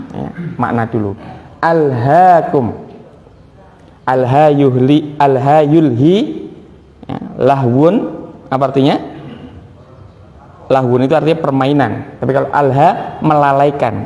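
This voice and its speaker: A man from Indonesia teaching a Quran recitation lesson. He moves between slow, melodic recitation and brisk, corrective explanation. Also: mid-range voice, gravelly, a little mellow. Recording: hall reverb, faint room noise.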